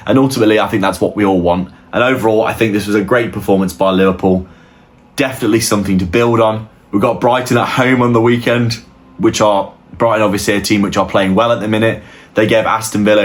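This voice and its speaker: A man giving a casual, opinionated match analysis as host of his football channel, often restarting his sentences. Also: on the low side. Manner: conversational, opinionated, with frequent restarts.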